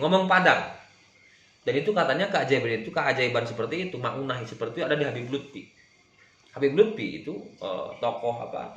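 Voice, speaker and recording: Male religious teacher, Sundanese accent, bright and fairly high voice, echoey room, explains a text line by line. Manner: translates Arabic text phrase by phrase, mixing Indonesian and Sundanese. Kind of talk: religious study lecture.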